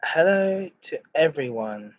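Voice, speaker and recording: This male streamer runs a chat and ASMR stream, chatting informally with viewers, saying hello and reading out comments. His delivery is unhurried, halting and expressive, with repeated phrases, all through a muffled, dull low-fidelity mic.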